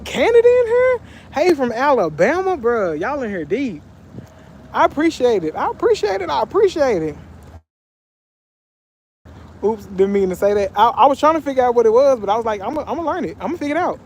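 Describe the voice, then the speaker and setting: By an outdoor pool, a young man from Texas, USA reads viewer comments on his phone livestream, loose and full of slang. He has a very high, slightly mellow voice and talks briskly in a sing-song way. Some faint background noise can be heard.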